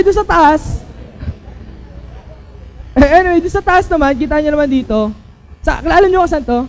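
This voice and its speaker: A man's voice: very high-pitched, darkish tone, low-quality recording. A man from the Philippines giving a youth sermon in a playful, chatty way, often checking in with his audience. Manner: playful, keeps asking the audience to agree. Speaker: youth speaker.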